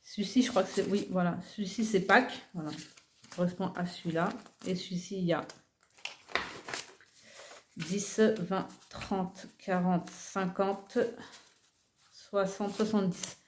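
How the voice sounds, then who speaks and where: A budgeting vlogger in her forties chats casually while sorting cash envelopes, counting money aloud. Her medium-pitched voice is steady and a little slow, with frequent pauses, hesitations and fillers like "euh" and "voilà." Faint background noise and rustling clicks can be heard.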